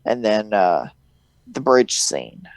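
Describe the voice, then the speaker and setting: Lively casual man riffing on a movie. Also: slow pace, vocal fry, dry recording, rough recording. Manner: animated, jokey, acts out quotes in high voices. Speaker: podcast host.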